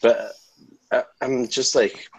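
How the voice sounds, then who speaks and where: Man, podcast co-host, mid-range voice, casual, halting, rambling delivery. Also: medium pitch, fairly even intonation, a little mellow, husky. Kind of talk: casual chat.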